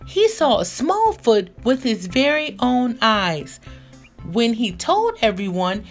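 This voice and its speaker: A woman reads a children's storybook aloud in a higher-pitched, expressive voice, taking her time over music. Her storytelling is deliberate and full of expression.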